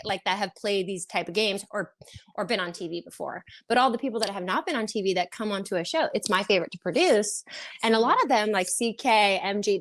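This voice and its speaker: Bubbly laughing woman co-host. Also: medium pitch. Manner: bubbly, laughs often, swears casually. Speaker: podcast co-host and TV producer. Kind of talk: casual chat.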